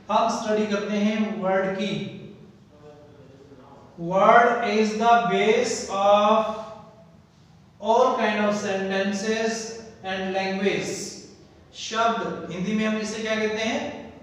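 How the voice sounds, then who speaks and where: A male teacher giving a classroom lecture, drawing out and repeating key words and asking rhetorical questions. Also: sits high. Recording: echoey hall, distant mic, faint noise.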